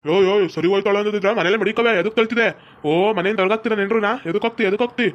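A blunt village man, acted by a performer who speaks a dialect and races through his lines. The recording sounds dull and lo-fi, and his voice sits at a middle pitch. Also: steady tone, very fast, lightly acted. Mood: gruff. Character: rough young village man who protects the cross-dressing husband.

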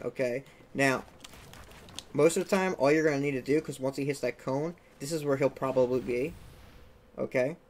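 A young man giving a casual gameplay walkthrough as the channel's creator, chatty, often checking in with "okay?" and adding "boom" sound effects. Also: a little hiss or hum. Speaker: gaming tutorial creator.

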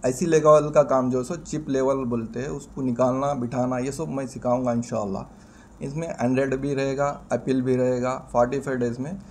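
A man's voice: medium pitch, steady tone, normal speed, darkish tone, slight background noise. A middle-aged man, a phone repair trainer explaining plainly and confidently to press mics. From India. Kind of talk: press interview. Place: indoor shop in front of press mics. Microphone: bunch of press mics on table.

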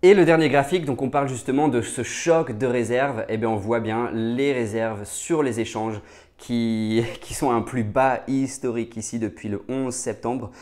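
At a moderate pace, a man with a mid-range, darkish voice explains price charts in a casual market-analyst style. Fillers and false starts are frequent, as is his check-in question "d'accord?"

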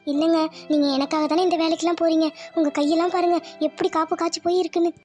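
A woman voicing a gentle, self-blaming young village wife in a cartoon. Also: very high-pitched, level tone, quick pace, faint music behind. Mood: tender. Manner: soft, humble, pleading. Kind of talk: cartoon voice acting.

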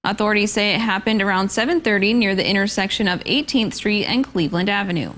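A female news anchor reading scripted local news in a crisp, measured way. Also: mid-range voice, fairly bright tone.

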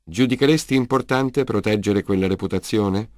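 A man playing a world-weary detective in a storybook reading, low-voiced and dry in tone, pressing with pointed questions. Close, dry sound. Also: moderate pace, a little mellow, no echo, lightly acted. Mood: probing. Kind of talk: audiobook character reading.

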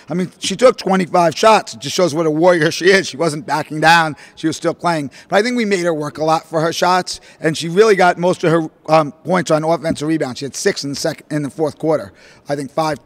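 Animated middle-aged man at a press podium. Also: a little high. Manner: animated, rapid-fire, rambling answers with many fillers. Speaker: head basketball coach. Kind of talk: postgame press conference. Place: press room, standing at a podium before a logo backdrop. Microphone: podium microphone.

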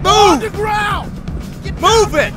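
An actor playing a panicked male police officer who shouts orders in a video game. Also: extremely high pitch, slow, music in the background. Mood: shouting.

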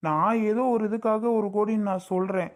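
A man's voice: sits high, fairly even intonation, fairly quick, natural voice. A man voicing a jealous young ex-husband in a Tamil cartoon drama, insistent and self-justifying as he tries to win back his wife. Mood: bitter.

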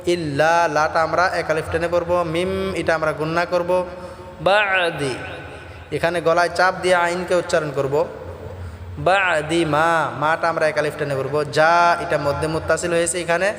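A man's voice: a little high, fairly even intonation, moderate pace, fairly bright tone, roomy sound, big-room sound. A man teaching Quran pronunciation, patiently explaining each sound step by step.

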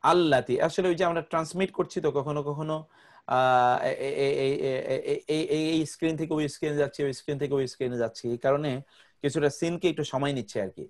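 A man's voice: fairly high pitch, quick pace. A man teaching an online grammar class, patiently repeating word lists for students to memorize.

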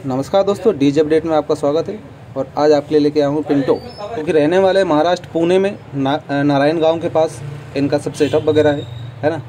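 Chatty man touring an expo, mellow voice. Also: a little high, fairly even intonation, brisk, low-quality recording. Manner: chatty, addresses viewers as friends, opinionated asides. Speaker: vlogger touring a trade show stall. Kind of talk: casual walkthrough vlog. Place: busy indoor trade show hall. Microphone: phone camera held while walking.

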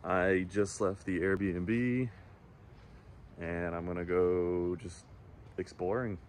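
A man's voice: low voice, fairly even intonation, slow. A man chatting casually to viewers in a travel vlog as he walks around a city outdoors, talking into a handheld camera. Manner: chatty, talks to viewers while walking around town. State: out of breath after jogging. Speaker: vlogger. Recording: loud street and traffic noise.

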